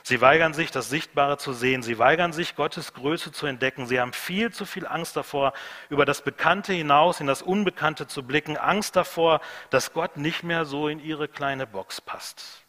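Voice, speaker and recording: A man preaching a sermon, emphatic, repeating key phrases and swinging between loud and hushed delivery. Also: fairly high pitch, moderate pace, big-room sound.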